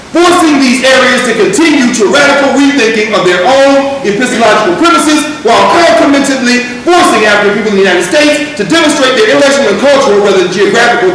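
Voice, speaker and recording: A man teaching a university class, reading from a text and breaking into animated, emphatic asides. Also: very high-pitched, distant mic, slight background noise. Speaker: university lecturer. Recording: echoey lecture room recorded from afar.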